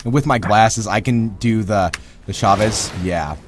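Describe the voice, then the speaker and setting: A man casting a live esports match, excitable and jokey, yelling at big plays. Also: fairly low pitch, measured pace, slight background noise. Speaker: esports caster. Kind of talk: live game commentary.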